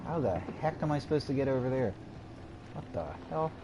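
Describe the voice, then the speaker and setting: Here a male gaming streamer with a mid-range, medium-pitched voice talks a little fast as he commentates live. Game sounds and background noise are clearly present as he mutters to himself and slips into rambling stories.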